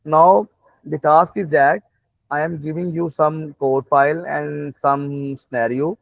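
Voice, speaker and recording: A man who is a non-native English speaker, instructing a live online class in a halting, repetitive way, often checking that listeners follow. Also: a little high, steady tone, creaky, dry recording. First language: not English. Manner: halting, repetitive explaining with frequent check-in questions. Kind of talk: live online lesson, explaining while demonstrating on screen. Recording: dull, lo-fi online call audio.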